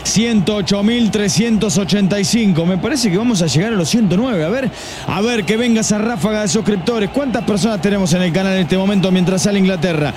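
An Argentine man with an Argentine Spanish accent, giving fast live football play-by-play commentary for an online stream and reading viewer messages aloud. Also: sits high, background noise.

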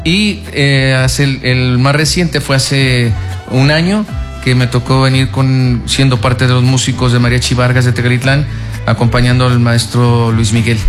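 Courteous Mexican mariachi musician, music behind. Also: male voice, medium pitch, little pitch movement, normal speed. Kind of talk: radio interview. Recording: radio studio with music behind.

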